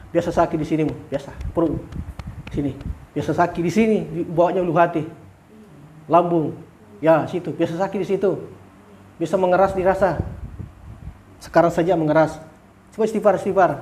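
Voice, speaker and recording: A man, working as a spiritual healer in an exorcism session, giving commands and repeating sharp questions. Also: fairly high pitch, a little hiss or hum.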